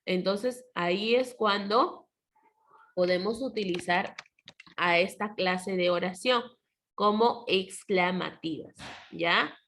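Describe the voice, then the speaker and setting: Woman teacher on a video call, slow careful pace, asks the kids stuff, clears throat a lot. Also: medium pitch, a bit bright. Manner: patient, asks the class questions. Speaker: primary school teacher. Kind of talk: online class lesson.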